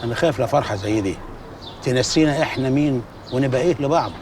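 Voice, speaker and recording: An actor playing a cautious, conscience-stricken brother with an Egyptian accent, speaking earnestly. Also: male voice, medium pitch, rapid-fire, far from the mic, background noise, natural voice. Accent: Egyptian Arabic. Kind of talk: TV drama acting.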